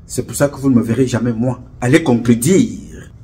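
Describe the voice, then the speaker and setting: A man from Cameroon, speaking straight to camera to his supporters in a solemn, measured, rhetorical way, repeating and listing words for weight. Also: mid-range voice, mellow. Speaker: association spokesman addressing followers. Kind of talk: direct-to-camera address. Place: indoor studio with camera crew.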